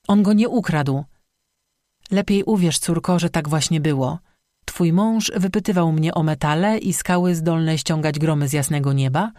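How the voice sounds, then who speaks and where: A narrator voicing a stern, gentle old woman shaman who speaks calmly and gravely, in audiobook dialogue. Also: sits low, dry recording, clean studio sound, close to an everyday voice. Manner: calm, grave, motherly admonishing.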